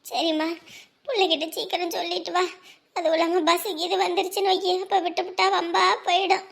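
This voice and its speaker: A woman's voice: extremely high pitch, level tone, fairly quick, vocal fry, a bit bright, heavily acted. A woman playing a worried middle-aged village mother, pleading and lamenting in a family drama. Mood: anxious. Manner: pleading, scolding, sighing lament.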